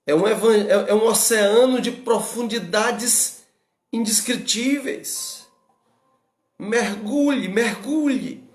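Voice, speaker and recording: A man's voice: high-pitched, slow pace, reverberant. A man with a Brazilian Portuguese accent, a pastor giving an earnest expository Bible study, asking rhetorical questions and repeating his exhortations.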